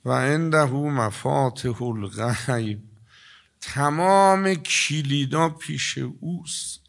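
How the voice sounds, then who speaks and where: An older man giving a sermon to a gathering, telling stories and drawing some words out slowly before rushing through others. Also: medium pitch, creaky. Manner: storytelling, shifting between slow, stretched emphasis and quick asides. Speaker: preacher. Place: religious gathering with an audience.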